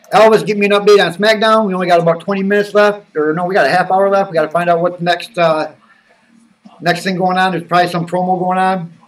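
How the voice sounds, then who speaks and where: A man's voice: sits high, fairly even intonation, a little fast, distant mic. A man hosting a live stream in a loose, joking, chatty way. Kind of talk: casual live-stream chat.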